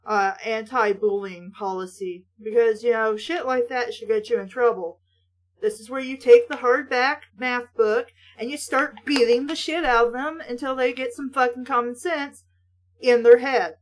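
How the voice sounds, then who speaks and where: A woman with a slightly high, steady voice reads aloud at a moderate pace, breaking off for blunt, exasperated, sarcastic, and sweary commentary. She's the casual host of a reading show that mocks books, and the audio quality is poor.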